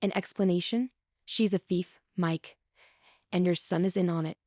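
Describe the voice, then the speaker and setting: A woman's voice: fairly low pitch, fairly even intonation, normal speed, warm tone, dry recording, studio quality, close to an everyday voice. A woman voicing an angry ex-wife who speaks coldly and with sarcasm. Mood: scornful. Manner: cold, sarcastic.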